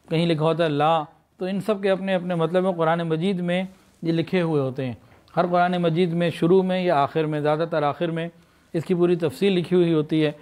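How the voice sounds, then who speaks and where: A man with a Pakistani Urdu accent gives a sermon, explaining with rhetorical questions and leading slow recitations. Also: fairly high pitch, darkish tone. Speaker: preacher.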